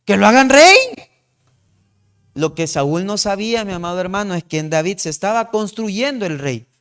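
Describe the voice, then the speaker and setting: High-voiced preacher. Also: male voice, a little fast, clean tone. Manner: storytelling, repeats "my beloved brother". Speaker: pastor. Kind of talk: sermon.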